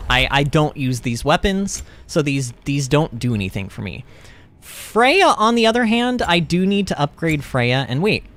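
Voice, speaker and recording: A young man hosting a game livestream, chatting loosely and answering his chat as he plays. He rambles and laughs easily. His fairly high voice leaps up and down with lively swings in pitch. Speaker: streamer. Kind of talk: livestream gaming commentary.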